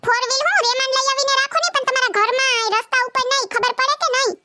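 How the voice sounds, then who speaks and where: A woman's voice: extremely high pitch, racing, very noisy. An actress playing a quarrelsome neighbor woman who scolds. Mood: indignant scolding. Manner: scolding, indignant. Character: quarrelsome woman neighbor defending her road. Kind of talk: comedy sketch acting.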